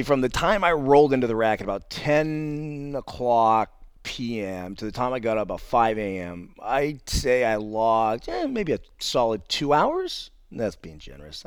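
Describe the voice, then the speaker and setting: A man's voice: medium pitch, a bit bright, no echo, studio quality. A man, a father of three and an ultramarathon runner, telling his race story in a casual, jokey, conversational way, full of playful euphemisms. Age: adult father of three. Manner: often opens sentences with "now". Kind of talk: casual first-person race recap.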